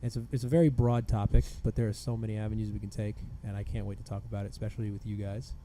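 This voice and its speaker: A man's voice: fairly low pitch, flat delivery, rapid-fire, warm tone, slight background noise. A man hosting a casual podcast chat among friends, rambling with many restarts and fillers. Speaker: podcast host.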